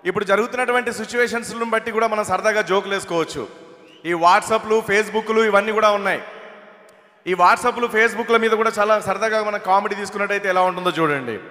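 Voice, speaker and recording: A male comedian and mimicry artist doing animated stand-up storytelling on a stage mic in a reverberant event hall. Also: sits high, brisk.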